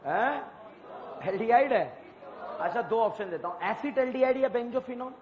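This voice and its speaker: High-voiced guy teaching chem, keeps asking the class stuff and repeating answers, sometimes shouting, echoey muffled hall recording. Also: lively intonation, moderate pace, a faint crowd. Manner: quizzing students, repeating answers with call-and-response; bursts of loud shouted emphasis. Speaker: chemistry teacher. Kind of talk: exam-prep lecture.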